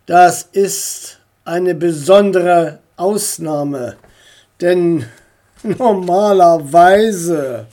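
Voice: medium pitch, extremely slow, mellow. A reader doing a flustered storybook father. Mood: agreeable. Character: father at the wheel, flustered but agreeable.

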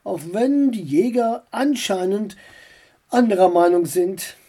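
Woman doing a secretive teasing uncle, evasive answers, slow mellow storybook voice. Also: mid-range voice, expressive. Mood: teasing calm.

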